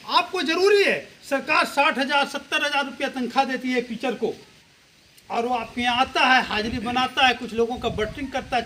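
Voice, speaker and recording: A man's voice: very high-pitched, background noise. A man giving a public speech to a village gathering, exhorting the crowd with rhetorical questions and repeated lists. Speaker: speaker at a community blanket distribution event.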